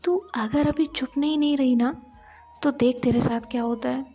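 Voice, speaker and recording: Touchy young office woman, indignant and snappish, voiced by a woman in a high, gravelly register. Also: fairly even intonation, normal speed, mellow, soft background music. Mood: snappy. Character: young woman office worker, quick-tempered and sulky.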